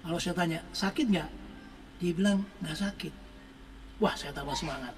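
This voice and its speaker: High-voiced preacher telling a story. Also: male voice, moderate pace, recorded from a distance, poor audio. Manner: storytelling, addresses the congregation as brothers and sisters, sings song lines. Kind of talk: sermon.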